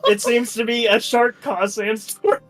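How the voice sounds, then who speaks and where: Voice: mid-range voice, level tone, unhurried, soft background music, rough recording. A game master narrating and refereeing a tabletop role-playing session.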